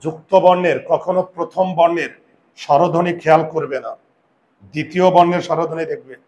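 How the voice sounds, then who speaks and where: Patient man teaching, slightly high voice. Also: fairly even intonation, a little mellow, poor audio. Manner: slow, patient, repeats words and asks students questions. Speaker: Bengali grammar teacher. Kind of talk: classroom grammar lesson.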